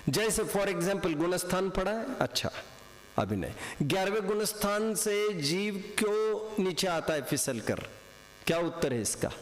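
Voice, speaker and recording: A man's voice: high-pitched, very animated, measured pace. A man teaching a class of students, quizzing them and repeating his questions, mixing in English words. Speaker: religious teacher. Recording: echoey hall with long reverb.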